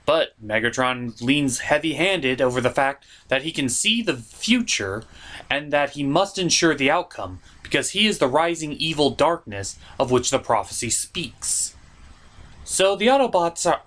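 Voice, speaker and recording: Exaggerated emphasis marks the scripted commentary of this cartoon review show host, whose medium-pitched voice is a bit bright. He keeps the review informal, opinionated and comedic.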